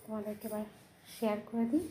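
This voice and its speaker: A weary, unwell woman, speaking slowly and quietly in a casual cooking vlog from her home kitchen. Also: mid-range voice, rough recording. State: tired and unwell. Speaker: vlogger. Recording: loud background noise.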